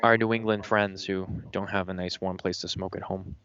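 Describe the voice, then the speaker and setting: Young male podcast host, low smooth voice, dry dull lo-fi sound, chatty and opinionated. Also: normal speed. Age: 20s. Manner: rambling, animated opinions. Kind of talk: casual podcast chat. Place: indoor smoking lounge.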